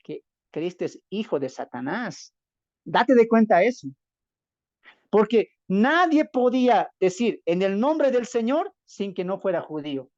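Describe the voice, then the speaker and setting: A man's voice: high-pitched, sing-song, a little slow, a little mellow, dry recording. Emphatic man preaching over a dull call. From Bolivia. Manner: emphatic, asks the listeners rhetorical questions and answers them. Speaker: Bible teacher. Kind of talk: preaching-style Bible lecture. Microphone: video call. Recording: dull, dry, lo-fi video-call audio.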